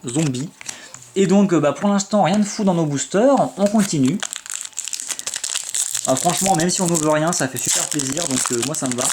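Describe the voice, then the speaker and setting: A man chatting casually and with enthusiasm while opening card packs, full of fillers and restarts, reading out foreign card names slowly. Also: fairly high pitch, slight background noise.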